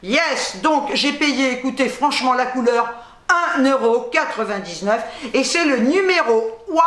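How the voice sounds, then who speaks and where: A woman hosting a casual haul vlog, rambling fast and reading product labels aloud, tripping over her words. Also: high voice, a bit bright. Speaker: YouTube host. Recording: echoey room.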